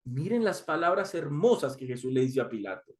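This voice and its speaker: A man's voice: fairly high pitch, very animated, a little fast. A man preaching a sermon, reading scripture aloud and repeating key lines for emphasis, calling his listeners brothers.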